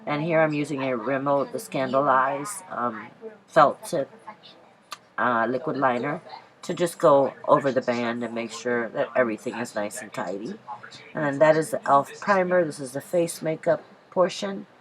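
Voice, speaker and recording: A beauty vlogger with a very low voice, stuffy from a cold, does a casual voice-over for her makeup tutorial. She's chatty and rambling, with lots of ums, pauses and restarted sentences, and the recording is rough.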